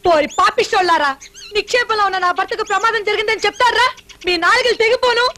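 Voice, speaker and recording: An actress playing a sharp, indignant dance teacher and wife in a family film drama. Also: female voice, very high-pitched, fast talker. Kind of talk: Telugu film dialogue.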